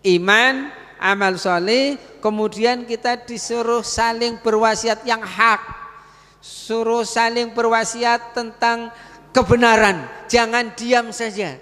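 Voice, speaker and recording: A male preacher, giving a mosque sermon to the congregation and slowly chanting Quranic verses. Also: very high-pitched, flat delivery, fairly bright tone. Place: mosque hall. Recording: long reverb of a mosque hall.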